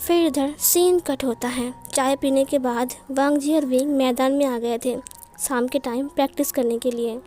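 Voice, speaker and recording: A woman tells a fan fiction story in a steady, plain way. Her voice is high-pitched and mellow. Soft music plays faintly behind her. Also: moderate pace.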